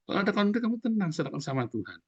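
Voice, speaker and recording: A man preaching a lively sermon, joking and acting out voices. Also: sits high, rapid-fire, no echo, dull audio. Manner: animated, jokes and acts out quoted voices. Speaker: pastor.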